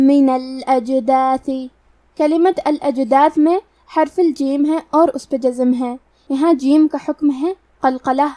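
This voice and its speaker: A woman teaching a tajweed lesson, carefully explaining pronunciation rules and reciting verses slowly. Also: high voice, mellow, no echo, far from the mic.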